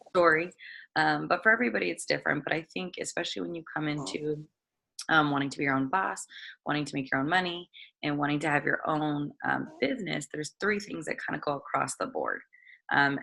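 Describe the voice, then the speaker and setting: A young woman with a raspy voice giving a casual motivational training talk to her team, chatty with many pauses and restarts. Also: deep voice, sharp tone.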